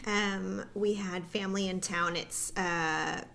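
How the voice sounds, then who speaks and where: A woman from the American Northeast, co-hosting a podcast and telling animated stories in casual chat, often laughing. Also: mid-range voice, slow pace, vocal fry. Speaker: podcast co-host.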